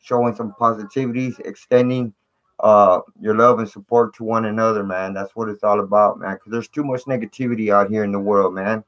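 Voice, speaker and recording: Male live-streamer, lowish voice, slangy and informal, greeting his chat over fuzzy, distorted computer audio. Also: fairly even intonation, brisk, highs cut off. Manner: slangy, repeats "man" and "you know".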